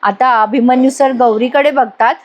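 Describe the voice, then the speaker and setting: A woman's voice: sits high, fairly even intonation, moderate pace, highs cut off. A woman narrating a voice-over recap of a TV serial in a storytelling manner.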